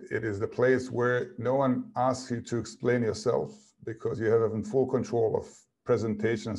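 A man's voice: fairly low pitch, creaky, darkish tone. A man in his fifties, an author on a panel, speaking over a video call from a home office and working through his ideas in long, thoughtful clauses. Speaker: author guest. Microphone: video call, computer mic.

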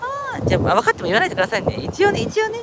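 A man live-streams from a city park, chatting casually and answering viewer comments. He laughs at himself often, and his pitch swings all over the place. The recording carries clear street noise and passing vehicles. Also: wildly swooping pitch, racing. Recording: outdoor traffic noise. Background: street traffic.

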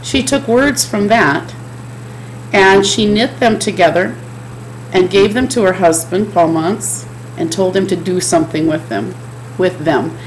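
A woman's voice: on the low side, unhurried, a little hiss or hum, poor audio. A middle-aged woman giving a chapel sermon from a home office, speaking in an earnest, repetitive preaching cadence into a desk webcam. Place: home office with bookshelves, indoors.

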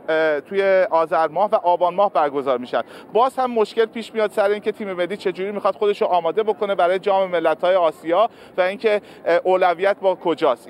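A high-voiced man with an Iranian Persian accent gives live sports analysis as a correspondent. He speaks outdoors, with faint city noise and traffic behind him. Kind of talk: live report, spontaneous analysis. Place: large busy open square outdoors.

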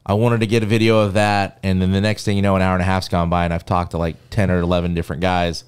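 Man, sports podcast co-host, smooth resonant voice, animated storyteller, casual chat. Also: sits low, fast talker. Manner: animated storyteller, swears and laughs at himself.

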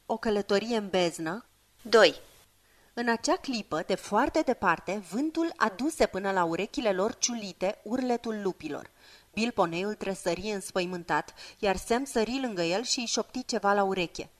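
A woman narrating a fantasy audiobook in a measured, expressive reading voice. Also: medium pitch.

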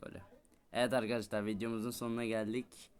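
A young man casually commentating his own gameplay as the host, chatting excitably with teammates. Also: on the low side, quick pace. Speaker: gaming video host.

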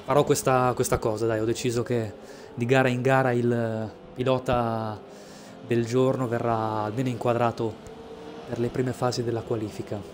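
A man streams casual live commentary on sim racing as an esports race commentator, hesitating and repeating words. His mid-range voice stays fairly flat in pitch, moving at normal speed, with background noise behind it.

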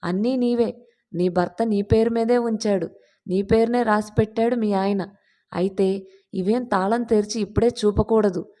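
Calm older lawyer reassuring a widow in a storybook, woman narrator doing him, mellow. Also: medium pitch, measured pace, natural voice.

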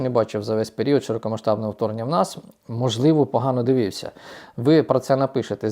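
A man's voice: mid-range voice, a little mellow. Male commentator running through the news, casual and ironic, mid-range voice. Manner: ironic, addresses viewers as friends. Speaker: political commentator.

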